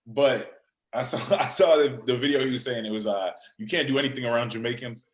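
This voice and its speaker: A man on a podcast whose voice rings in a roomy, echoing space. He recounts a clip in an unhurried way, stalling often on "uh" before he goes on. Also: medium pitch. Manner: relaxed storyteller, hesitant with many "uh"s. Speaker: podcast co-host. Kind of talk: casual chat.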